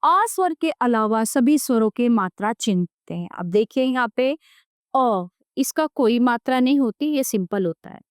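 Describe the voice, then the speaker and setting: A woman's voice: a little high, lively intonation, no room sound, studio quality. A woman teaching a children's grammar lesson, spelling out letters and examples one by one and often checking in with her listeners. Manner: slow, deliberate, checks in with "ठीक है?". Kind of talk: classroom lesson explaining a video book.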